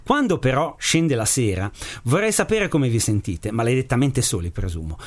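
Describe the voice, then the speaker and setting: A booming old country priest, gruff and gleeful, as a man reading a story aloud puts him on. He declaims with a lively, swinging pitch and punches his words with rising emphasis. His voice sits at a middling pitch. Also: moderate pace.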